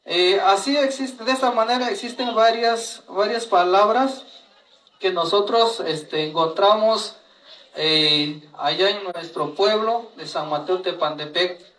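A man giving a language lesson, spelling out words slowly, each followed by its translation. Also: high-pitched, fairly bright tone, echoey room, far from the mic, rough recording. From Mexico. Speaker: teacher of Mixtec.

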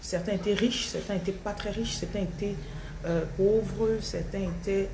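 A woman in her thirties with a Cameroonian French accent speaks straight into a phone held close, in a small tiled room. Her voice sits at a medium pitch, and she talks slowly and reflectively, often restarting her sentences as she gives a spiritual talk to her followers. A faint hum of room ambience sits behind her. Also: steady tone. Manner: slow and thoughtful, with frequent restarts. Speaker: spiritual coach. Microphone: phone held close at arm's length.

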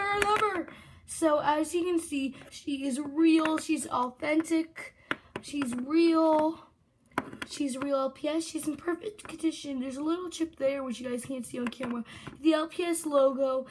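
A young woman hosting a casual toy unboxing, chatting in an excitable, gushing way and often repeating herself. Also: high-pitched. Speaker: host of a toy unboxing channel. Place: indoors, close over a tabletop toy set. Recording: noisy, clicky home camera recording.

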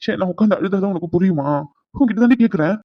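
A man's voice: high voice, quick pace, no room sound, dull audio. A man voicing a stressed young husband in a cartoon, scolding his wife in long rants. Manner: scolding rants, softening into comfort. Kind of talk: cartoon voice acting.

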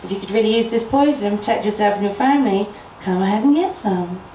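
A woman's voice: mid-range voice, fast talker, slight background noise, close to an everyday voice. A woman voicing a poisonous female marigold flower who calls out and pleads in a storytelling. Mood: calling out. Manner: calling out loudly, pleading. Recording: roomy, voice from a distance.

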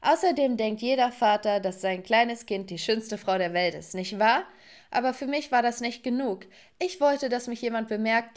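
Young woman telling an animated storytime, pitched a bit high, talks right to viewers. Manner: first-person confessional, addresses viewers. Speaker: narrator. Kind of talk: scripted storytime narration.

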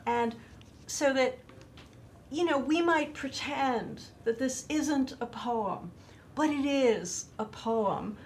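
A woman's voice: high voice, slow pace, slight background noise. A woman in her sixties hosting a poetry discussion in a scholarly, enthusiastic way. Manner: enthusiastic and scholarly, laughs often. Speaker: host of a poetry discussion show. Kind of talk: conversational literary discussion. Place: studio set, indoors.

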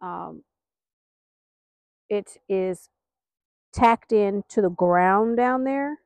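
In a very slow, darkish mid-range voice, an American woman rambles through a casual vlog update as she films around her backyard garden. As a gardening vlogger and host, she comes across as chatty, folksy and a bit apologetic. There's no room sound.

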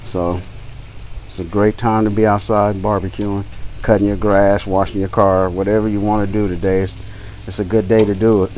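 A man chatting casually to viewers as he grills, folksy and unhurried, often repeating his phrases. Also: on the low side, level tone, a little mellow, low-quality recording. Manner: folksy, addresses viewers as y'all and guys. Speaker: barbecue vlogger. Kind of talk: casual chat while grilling. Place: outdoors beside a backyard grill. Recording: outdoor noise with faint sizzle.

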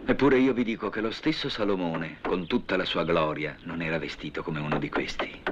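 Brief: male actor as a deep, solemn preaching teacher in a 1970s film drama, old dull soundtrack with hiss. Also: fairly quick, close to an everyday voice. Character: serene male teacher preaching to his followers.

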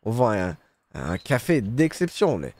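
A man's voice: on the low side, big pitch swings, a little slow, a little mellow. A young man giving casual, joking commentary as he plays a game, sarcastic, swearing freely and humming little sound effects. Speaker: gaming streamer. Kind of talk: casual let's-play commentary.

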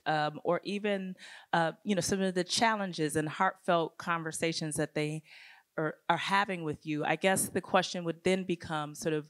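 A woman from Detroit moderates a museum panel, holding a handheld mic and hedging her way through long questions. Her voice sits a little low for a woman, and the sound is dry and close. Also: no echo. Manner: winding, hedging questions full of "sort of". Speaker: curator, moderator. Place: museum auditorium stage, seated panel before an audience. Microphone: handheld microphone.

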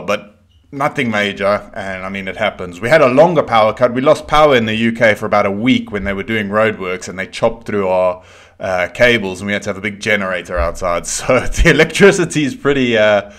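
A man's voice: fairly low pitch, lively intonation, a little fast, a bit bright. Chatty man reacting at home. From South Africa. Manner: chatty and rambling, frequent restarts. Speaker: reaction video host. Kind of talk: casual reaction commentary. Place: small dim room at home.

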